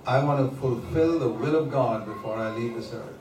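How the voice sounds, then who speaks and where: A man delivers a sermon in English one short phrase at a time, waiting for his interpreter after each. His voice sits at an ordinary middle pitch and comes from some distance off the mic. It rings through a roomy hall, with a faint hum of ambience behind it. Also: moderate pace, a little mellow. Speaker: preacher. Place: church conference hall. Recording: echoey hall, voice from far off the mic.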